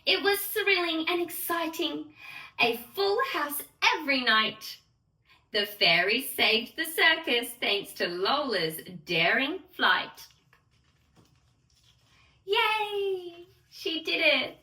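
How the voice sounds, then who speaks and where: Reading a bedtime story to little kids, this woman talks straight to them in a dramatic sing-song, her high voice swinging widely in pitch at an unhurried pace with a sharp edge. It was captured on a distant mic in an echoey room.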